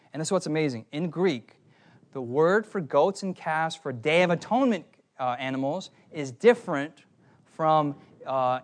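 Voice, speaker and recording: A young man preaching a sermon, animated and often asking his listeners questions. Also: a little high. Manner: animated, asks the audience questions.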